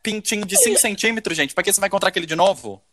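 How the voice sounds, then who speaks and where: A man's voice: high-pitched, animated, very fast, bright, forceful tone. A Brazilian man, a guest influencer, chatting bluntly and crudely, with jokes, on a casual podcast. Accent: Brazilian Portuguese.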